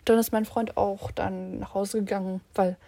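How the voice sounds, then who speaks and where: A woman's voice: medium pitch, little pitch movement, moderate pace, gravelly, mellow, dry recording, clean studio sound. A teenage girl rambling casually to her listeners in a slangy way, slipping in English words. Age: teens. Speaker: vlogger.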